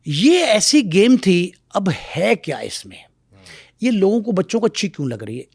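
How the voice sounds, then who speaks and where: A middle-aged man speaking as a guest on a talk show, telling stories in a lively way and acting out the voices he quotes. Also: sits high, gravelly, slightly rough. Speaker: guest expert. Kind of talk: animated talk-show storytelling.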